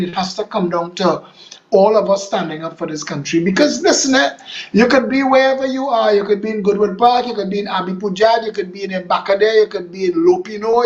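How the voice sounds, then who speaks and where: A Trinidadian man hosting a political talk show, his voice sitting high for a man. He speaks with fervent, preacherly conviction. The sound is dull and lo-fi, with noticeable room echo. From Trinidad and Tobago. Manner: impassioned, preacherly sign-off. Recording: dull, roomy lo-fi stream audio.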